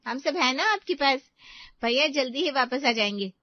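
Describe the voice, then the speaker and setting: A woman voicing a cheerful teenage sister-in-law in an animated story, bubbly and eager. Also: high-pitched, normal speed. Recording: dry, slightly dull lo-fi audio.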